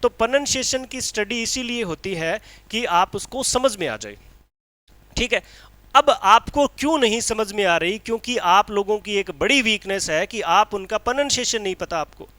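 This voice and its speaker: A male teacher, giving an exam-prep lecture, asking rhetorical questions and reading English lines out slowly. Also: sits high, animated, pushed and bright, no room sound.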